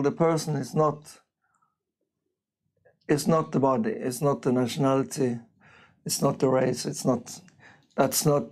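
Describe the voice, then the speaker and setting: An older man from Norway with a Norwegian accent, giving an informal spiritual class in a small bright room, speaking haltingly with frequent throat-clearing. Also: fairly high pitch, low-quality recording. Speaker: visiting speaker.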